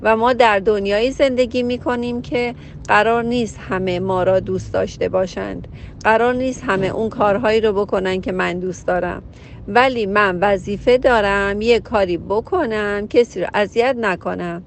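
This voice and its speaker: A woman's voice: mid-range voice, a little hiss or hum. Woman counselor, direct and emphatic advice talk, mid-range voice. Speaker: family counselor. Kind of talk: reading a listener's letter and giving advice.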